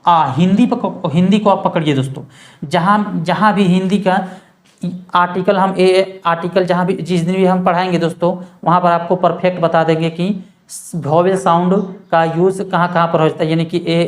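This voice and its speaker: A man teaching English grammar, slowly repeating example sentences word by word and constantly addressing his viewers as friends. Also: sits high, fairly even intonation. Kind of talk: grammar lesson.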